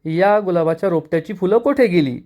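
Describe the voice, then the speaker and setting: A man's voice: high voice, fairly quick, a little mellow, close to an everyday voice. A man voicing a scolding, suspicious middle-aged aunt.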